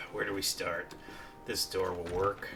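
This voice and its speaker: A man's voice: deep voice, flat delivery, slow, background noise. A man casually commenting on a video game as he plays, rambling with many fillers. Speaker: gameplay commentator. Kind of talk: let's play commentary.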